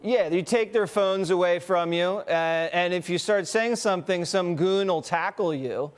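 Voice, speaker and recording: A man hosting a news interview show, who asks questions in a brisk and wry way with a joking edge. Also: high voice, clear, resonant tone.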